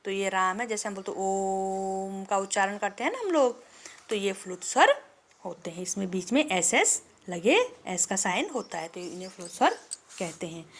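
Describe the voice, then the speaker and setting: A woman's voice: medium pitch, a bit bright. A woman teaching a grammar lesson to children, patiently explaining, asking questions and answering them herself. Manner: drawls vowel sounds slowly as examples.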